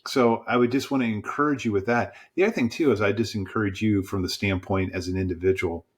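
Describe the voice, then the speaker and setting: A man, a church small-group pastor, telling stories as a podcast guest in a lively, encouraging preacher's manner and acting out the dialogue. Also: fast talker. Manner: lively storyteller who acts out dialogue with sudden pitch jumps. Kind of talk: storytelling in a podcast conversation.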